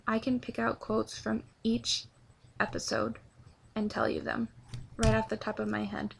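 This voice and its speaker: A woman's voice: mid-range voice, vocal fry, husky. A young adult woman talking to camera in a casual, rambling video blog, eager and full of ums and restarts. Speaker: video blogger. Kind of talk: casual vlog monologue.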